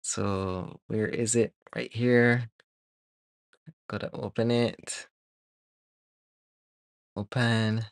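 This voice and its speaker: A man from Barbados, streaming live as a 3D artist, chatting casually and thinking aloud with many pauses and fillers while he works. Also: on the low side, creaky, clean tone, no room sound. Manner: relaxed, rambling, thinks aloud with many ums.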